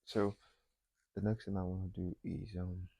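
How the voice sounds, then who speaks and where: A man talking himself through a coding tutorial, thinking aloud with frequent pauses and fillers. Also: low-pitched, level tone, creaky, mellow, slightly rough, dry recording, rough recording. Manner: thinking aloud, many ums and restarts. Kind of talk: casual screen-recorded coding walkthrough.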